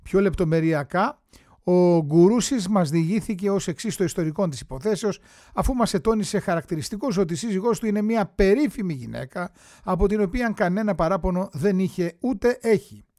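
A man's voice: high-pitched, expressive, dark tone, no echo, studio quality. A man reading an old newspaper story aloud, acting out the quotes and dropping wry, chatty asides to his listeners.

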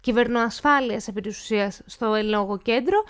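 A woman with a high-pitched voice is a guest expert in an interview. She explains cybersecurity in plain terms and leans on everyday examples to make each point.

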